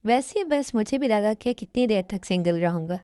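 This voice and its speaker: A woman's voice: medium pitch, animated, normal speed, dark tone, clear, resonant tone, no room sound, natural voice. A woman voicing a caring young male college student in an amateur dubbed love story, talking in an earnest, soothing way.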